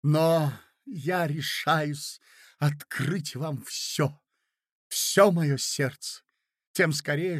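A scheming middle-aged lady, read by a man speaks in a soft, honeyed, coaxing voice. She draws her words out gently. This is a close, dry audiobook reading with a fairly high male voice. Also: no echo. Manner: soft, sweet, coaxing, reproachful.

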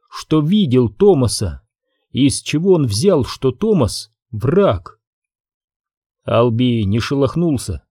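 Slow, dark-voiced male audiobook narrator. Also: medium pitch, husky, no echo, clean studio sound.

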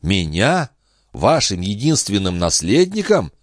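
A man reading a young, naive peasant lad in an audiobook, earnest and excitable, always polite and always hungry. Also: fairly low pitch, a little slow, no echo, studio quality, pitched above the performer's own voice. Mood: flustered protest.

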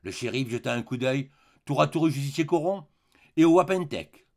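Man narrating with an expressive, lively voice. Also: medium pitch, a little fast. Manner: expressive, dramatic reading. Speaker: audiobook narrator. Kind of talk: scripted narration of a classic novel.

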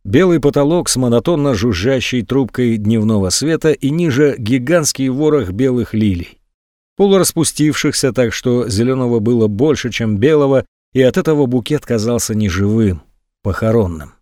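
A man narrating an audiobook in a measured, calm manner. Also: medium pitch, no echo, studio quality. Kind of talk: audiobook reading.

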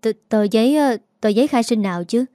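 The aunt is a soft, motherly middle-aged woman with a Southern Vietnamese lilt, caring and quick to stammer when cornered, as a woman reading a storybook puts her on. Her voice is warm and mellow, and it sits close and dry. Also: on the high side, lively intonation, no echo, natural voice. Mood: flustered. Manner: tender, flustered, stammering when pressed. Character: gentle middle-aged aunt who raised an orphan.

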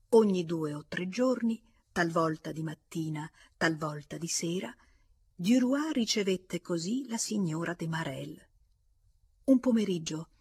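A woman reading a classic novel aloud as an audiobook, narrating in a measured, expressive way with an Italian accent. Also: fairly low pitch, husky. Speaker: audiobook reader.

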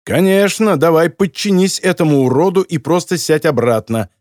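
A man's voice: high-pitched, very animated, moderate pace, a little mellow, no room sound, clean studio sound, voice pushed up. A male narrator voicing a sarcastic, harsh newspaper editor who mocks and scolds. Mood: scornful. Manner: mocking, scolding.

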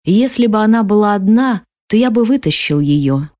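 A woman voicing a tired, grim male healer who speaks low and heavily. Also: lively intonation, moderate pace, a little mellow, no echo, clean studio sound, close to an everyday voice. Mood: weary.

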